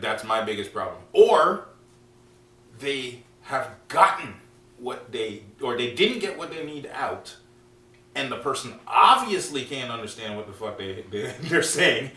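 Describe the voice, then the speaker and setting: A man co-hosting a casual podcast, talking bluntly and with lots of swearing, getting louder as he rants. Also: mid-range voice, very animated, measured pace. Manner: blunt, profane, heats up when ranting. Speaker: podcast co-host. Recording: echoey room, mic at a distance, faint hum.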